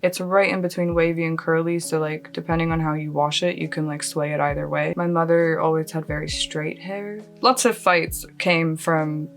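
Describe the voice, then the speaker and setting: Her low, gravelly voice moves at a moderate pace with fairly even intonation and hardly any pauses. She's a beauty vlogger in her late thirties from Australia, with a mostly Californian accent that has some Australian mixed in. At home, lit by a close lamp, she talks her way through a casual makeup tutorial, rambling, self-deprecating, and laughing frequently.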